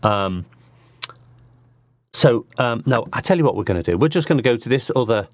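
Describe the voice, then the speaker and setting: A man's voice: medium pitch, animated, moderate pace. Jokey rambling man hosting. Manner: rambling and jokey, with restarts and asides. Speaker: host of an online acoustic music show. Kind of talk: casual chat. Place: small studio.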